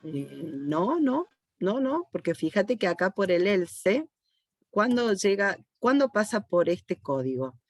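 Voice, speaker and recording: A woman's voice: medium pitch, sing-song, slow, a little mellow, no room sound, studio quality. A woman with an Argentine accent teaching a class online, patiently walking students through code step by step and often checking that they follow. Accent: Argentine Spanish. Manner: patient, checks understanding with frequent "¿sí?". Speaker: university teacher.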